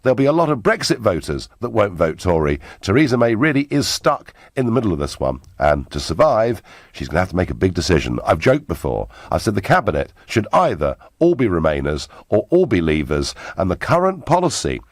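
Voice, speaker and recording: An English man hosting a talk radio phone-in, animated and quick to interject and chuckle. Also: low voice, dry recording, studio quality. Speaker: radio host. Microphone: studio mic.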